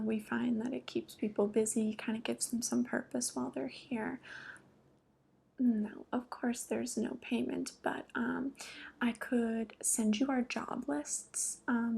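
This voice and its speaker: A woman voicing a flirty, teasing female devil in a soft, breathy ASMR role-play, with a casual, coy manner. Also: on the high side, full character voice.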